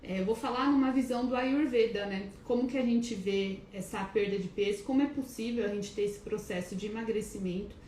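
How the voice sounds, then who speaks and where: A woman hosts a relaxed live stream from a clinic office, greeting viewers one by one and restarting her sentences as nerves show. Her voice sits in the middle range, and the room gives it a noticeable echo over a faint hiss. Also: mid-range voice, a little fast, few pauses. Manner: chatty, greets viewers by name, hesitant restarts; calls herself shy and nervous. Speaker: wellness live-stream host. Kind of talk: casual live-stream talk. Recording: echoey room, faint background noise.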